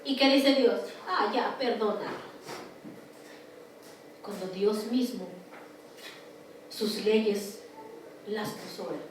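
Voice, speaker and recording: A woman pastor preaching a sermon earnestly, with frequent pauses and fillers, recorded from far off in a very echoey hall. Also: mid-range voice, slight background noise.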